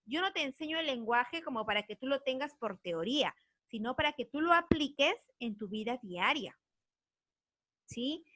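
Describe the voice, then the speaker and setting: A woman's voice: sits high, lively intonation, moderate pace, pushed and bright. A woman teaching a recorded grammar lesson, earnest and patient, often checking in with her students. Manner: earnest, explains patiently, checks understanding with frequent tag questions. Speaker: language teacher.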